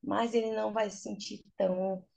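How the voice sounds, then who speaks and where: A woman's voice: medium pitch, level tone, moderate pace, creaky, warm tone. A woman with a Brazilian Portuguese accent, an English teacher patiently explaining her points step by step in a casual interview. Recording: dull, lo-fi sound.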